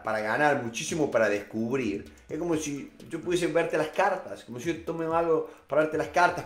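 Casting: middle-aged Rioplatense-accented man, negotiation coach, mid-pitched, echoey room, faint music. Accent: Rioplatense Spanish. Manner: many fillers, repeats words, rhetorical questions. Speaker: negotiation expert and author. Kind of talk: motivational talk to camera.

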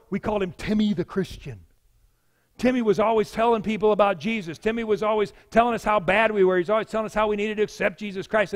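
A man voicing an ordinary man before God who stammers and pleads excuses, in a somewhat higher, louder voice.

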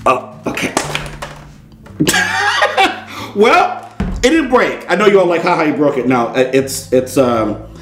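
With a high-leaning, bright, and very animated voice, this middle-aged American unboxing host takes things slowly and pauses often, keeping the tone comedic, casual, and theatrical. Soft music plays in the background. The small indoor studio set gives the audio a roomy echo.

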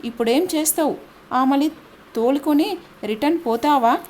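A man's voice: extremely high pitch, moderate pace, a little mellow. A woman voicing an angry middle-aged village man who scolds bluntly. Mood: scolding.

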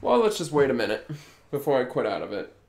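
Gravelly man explaining while he works. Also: mid-range voice, huge pitch swings, fast, darkish tone. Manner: explains plainly while working, thinking aloud with restarts. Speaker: game developer streamer. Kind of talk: casual live-stream talk.

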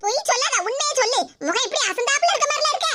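Woman doing nosy village woman in a cartoon, Tirunelveli Tamil accent, squeaky high voice, coaxing and insistent, noisy recording. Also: expressive. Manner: coaxing, insistent, quick questions.

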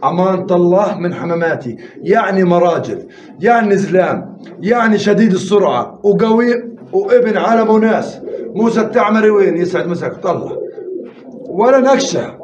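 Pigeons coo in the background as a man hosts a live-streamed pigeon auction, rattling off bids and urging viewers to take part. His high voice is animated and a little mellow, and the recording is roomy, slightly muffled, and faintly noisy.

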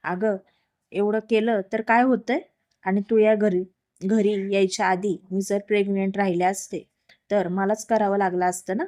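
A woman's voice: mid-range voice, little pitch movement, moderate pace, close to an everyday voice. A woman narrator voices a friendly pregnant sister-in-law who teases and comforts. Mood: teasing. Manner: warm, teasing.

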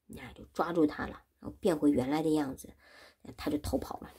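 A Chinese teacher reads a classic story aloud and explains it for learners, repeating and rephrasing in simple words. Her voice is fairly low and mellow, with a breathy edge.

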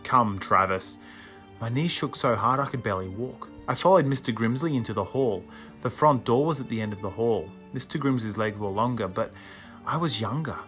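A man reading a children's horror story aloud in a measured, suspenseful first-person narration, with music underneath. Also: mid-range voice, lively intonation. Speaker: audiobook reader.

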